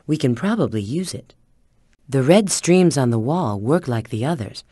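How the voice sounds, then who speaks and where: A confident, sly bat-woman spy from a video game. Her pitch moves in lively swoops as she coyly hands out tips and instructions. The sound is dry, with no room around it. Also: moderate pace, dry recording. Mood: coolly helpful. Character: sly, confident adult female bat spy, helpful sidekick. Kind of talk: video game character hint lines.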